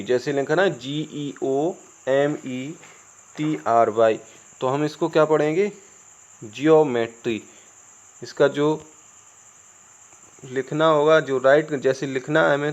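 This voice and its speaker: A fairly high-voiced Indian man leads an English lesson, spelling out each word letter by letter and then answering his own questions. The recording is dull and lo-fi, with crickets chirping faintly behind him. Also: fairly even intonation, unhurried. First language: Hindi. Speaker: English teacher. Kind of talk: classroom-style spoken lesson.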